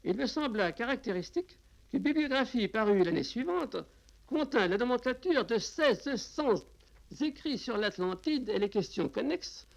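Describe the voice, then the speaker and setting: A man giving measured, formal answers in a radio interview, heard from an old worn tape. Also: sits high, creaky. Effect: old worn tape, dull lo-fi sound.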